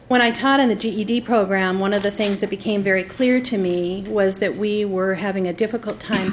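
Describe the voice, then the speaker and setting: A woman's voice: medium pitch, slight background noise. An older woman from Minnesota giving earnest, folksy testimony before a committee. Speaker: board appointee. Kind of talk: formal testimony.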